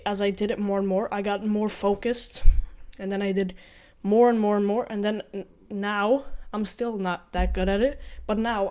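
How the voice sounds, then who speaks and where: Speaking in a high, slightly mellow voice, an earnest young vlogger with a mixed Ukrainian-Norwegian accent gives casual advice. His talk rambles, and he keeps correcting himself and repeating what he said.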